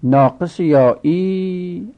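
A man teaching a seminary grammar lesson, chanting word forms in a slow, drawn-out recitation. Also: high voice, muffled recording.

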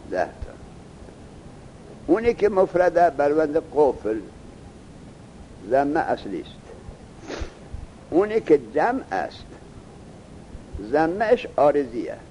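A man teaching a grammar lesson, explaining slowly and questioning his students. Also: on the high side, dark tone, a little hiss or hum, low-quality recording. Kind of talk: classroom lesson on Arabic morphology.

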